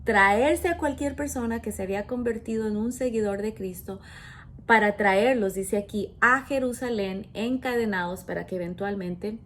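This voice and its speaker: A woman's voice: mid-range voice, slight background noise. A woman pastor giving an emphatic sermon, reading scripture aloud and often correcting herself mid-phrase. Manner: slow, emphatic preaching with self-corrections.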